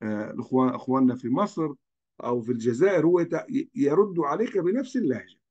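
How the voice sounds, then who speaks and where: A man's voice: mid-range voice, fast talker, darkish tone, highs cut off. A man from Libya, giving a recorded course lecture to students in an earnest, cautionary way.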